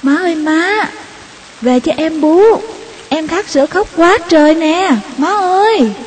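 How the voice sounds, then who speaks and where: A woman voicing a frightened, upset little country girl who calls out in a high, crying, pleading voice. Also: expressive, unhurried, a little hiss or hum.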